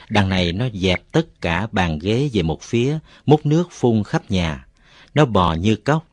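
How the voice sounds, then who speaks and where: A man reading a novel aloud as narrator, with calm, even storytelling. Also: on the low side, dry recording. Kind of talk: audiobook narration.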